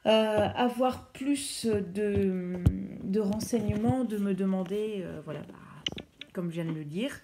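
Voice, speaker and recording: Brief: woman tutorial host, casual and hesitant, lots of fillers, gravelly fry in the voice. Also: mid-range voice, takes it slowly, background noise. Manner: hesitant, many fillers and self-corrections. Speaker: YouTuber presenting phone accessibility settings.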